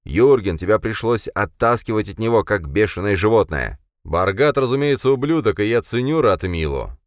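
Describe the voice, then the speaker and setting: A venomous, hissing young man, as a male narrator puts him on, pitched well above the reader's deep voice. He snaps heatedly and sarcastically, in a dry, close audiobook recording. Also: expressive, dry recording, natural voice. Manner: heated, sarcastic, quick to snap.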